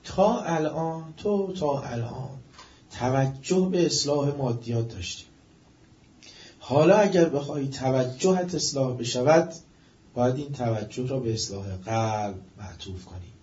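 A man giving a religious-ethical lecture, asking questions of his listeners and rising to emphatic, drawn-out stresses. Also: mid-range voice, a little mellow. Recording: echoey room, dull lo-fi sound.

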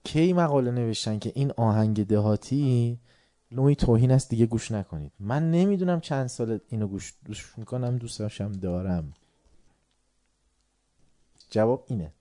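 A middle-aged man from Tehran giving a sermon to a live audience. He keeps asking the audience questions and moves between quiet musing and sudden loud bursts. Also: medium pitch. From Tehran, Iran. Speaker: religious lecturer.

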